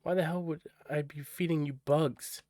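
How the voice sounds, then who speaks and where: A man reading aloud and voicing a gruff, salty old grandmother who curses and teases. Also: fairly high pitch, steady tone, moderate pace, darkish tone, dry recording, close to an everyday voice. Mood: gruff teasing. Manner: brash, cursing, mock-scolding.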